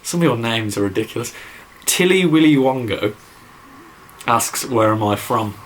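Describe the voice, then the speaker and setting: An animated young man at normal speed, his voice mid-range, comes through a rough recording with slight background noise. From near Birmingham with a mild Midlands accent, he's casually fielding viewer questions in a vlog Q&A. He admits he rambles, and his talk is full of fillers and "like."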